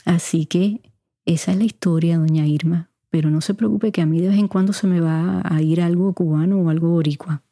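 Talking directly to her audience, a middle-aged Puerto Rican podcast host works through listener questions in a leisurely, chatty manner, with only a light trace of her accent. Her lowish voice is steady and mellow, studio-quality with no echo, recorded in a home room.

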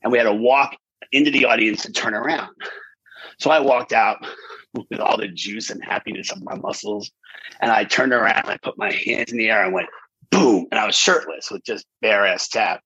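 A man in his fifties, an animated storyteller in a conversational interview, who acts out quotes with big jumps in pitch. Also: moderate pace, husky, no echo, low-quality recording. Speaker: guest.

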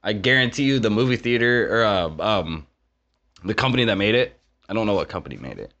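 A man's voice: on the low side, very animated, a little fast, fairly bright tone, highs cut off. A man co-hosting a casual podcast from a new office, laid-back, laughing and profane. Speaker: co-host and streamer. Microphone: desk mic without boom arm.

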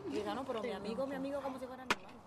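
A woman with a Dominican accent chats in a high voice, quick to cut in and tell her story. Loud crowd chatter surrounds her. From Dominican Republic. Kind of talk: casual chat at a dinner table. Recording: noisy crowd in the background.

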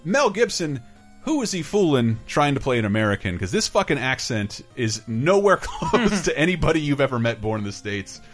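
A man's voice: medium pitch, very animated, normal speed, soft background music. A man hosting a podcast in casual chat, rambling and enthusiastic, swearing freely. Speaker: podcast host.

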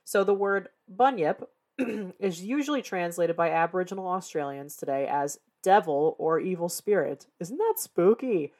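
A young American woman chatting on a podcast in a relaxed, lively way. Her voice sits a little low, and she laughs easily and swears casually. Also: normal speed. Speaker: podcast co-host.

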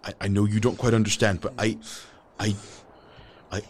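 A man voicing an older male martial arts master, speaking low, hushed and earnest in a tabletop game. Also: flat delivery, normal speed, slight background noise, close to an everyday voice. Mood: pleading.

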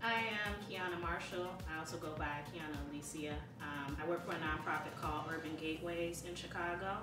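Low-voiced woman chatting on a panel. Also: fairly even intonation, fairly quick, echoey room, recorded from a distance, music in the background. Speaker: panel guest. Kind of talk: casual panel chat.

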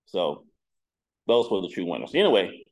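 Co-host, man, lively pitch, animated rambling storyteller. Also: normal speed, poor audio. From Huntsville, Alabama. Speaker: regular co-host. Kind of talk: casual podcast chat.

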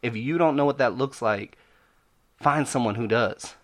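Casting: male podcast host, American accent, medium pitch, casual but emphatic and preacherly, punches short repeated phrases. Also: normal speed, a bit bright.

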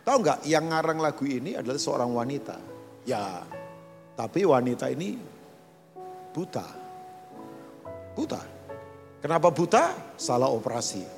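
A middle-aged male pastor with a Jakarta Indonesian accent, preaching a joking, lively sermon in a large church hall. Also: moderate pace, creaky, long pauses. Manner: animated and joking, pitch leaping up for emphasis. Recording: reverberant church hall with soft music.

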